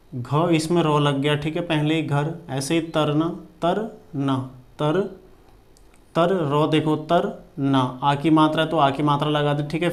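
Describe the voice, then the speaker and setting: Higher-pitched man teaching, slow repetitions. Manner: repeats each word slowly, checks in with "ठीक है". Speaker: shorthand teacher. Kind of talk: classroom lesson.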